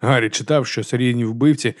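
A man's voice: mid-range voice, a little fast, no echo. Man narrating a crime novel, dry. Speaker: audiobook narrator. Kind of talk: scripted narration.

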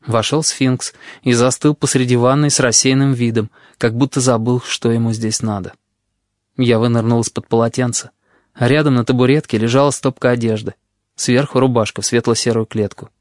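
A male audiobook narrator reads a first-person novel in a measured, quiet way. His voice sits at a medium pitch. The recording is very dry and close, with no room echo. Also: steady tone.

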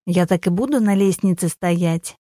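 A grumbling young man who swings from pleading to shouting, as a woman reads him. The voice is mellow and dark, recorded dry and close in an audiobook. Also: fairly low pitch, moderate pace, no echo, natural voice. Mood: sulky. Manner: pleading then shouting, defensive. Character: blunt irritable young man, ex-husband.

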